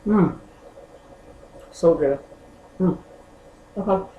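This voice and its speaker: A woman's voice: on the low side, drawn-out words, lo-fi sound, slight background noise. A woman hosting a home cooking vlog, chatting straight to her viewers and humming as she tastes her food. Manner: chatty, talks straight to viewers, hums while tasting. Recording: echoey room with faint ambience.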